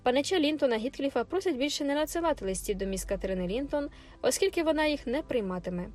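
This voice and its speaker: A woman narrates an audiobook in a fairly high voice. She reads with plenty of expression and turns stern and scolding for the housekeeper's lines. Faint music runs underneath. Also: animated, fast, darkish tone. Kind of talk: audiobook reading.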